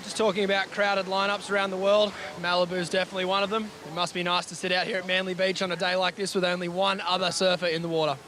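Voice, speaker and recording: Fast, high-voiced male beach interviewer. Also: flat delivery, pushed and bright, slight background noise. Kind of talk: upbeat post-heat interview. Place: outdoors at a beach.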